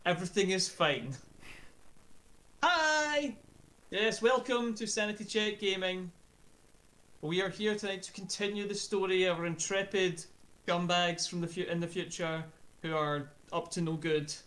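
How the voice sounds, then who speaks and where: A woman hosting a tabletop game stream as game master, chatty and quick with asides and laughter. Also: on the low side, steady tone, a bit bright. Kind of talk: casual stream intro.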